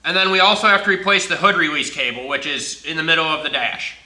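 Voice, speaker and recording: This garage vlogger speaks fast with a fairly high, steady pitch and a sharp edge to his tone. He casually walks through his work on an old truck, relaxed and plainspoken, swearing now and then. The garage echoes and there's faint noise in the background.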